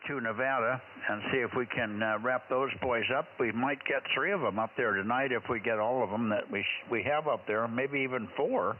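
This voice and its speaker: A man with a mid-pitched voice hosts a ham radio net in a chatty, folksy style. His voice is squeezed into a narrow radio band with faint noise around it. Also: normal speed, few pauses. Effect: ham radio transmission. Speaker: amateur radio net controller. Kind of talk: casual radio net chat with callsigns.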